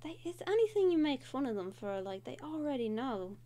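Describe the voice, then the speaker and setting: A woman's voice: high-pitched, very animated, a little fast, warm tone. A young woman hosting a casual draw-and-talk video, chatting in a rambling way with frequent fillers. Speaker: host.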